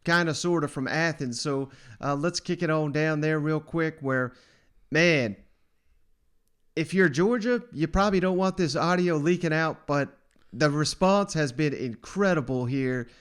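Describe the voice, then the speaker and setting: A man's voice: on the high side, a little slow, a bit bright, clear, resonant tone. A man hosting a casual sports talk show in a chatty, folksy manner.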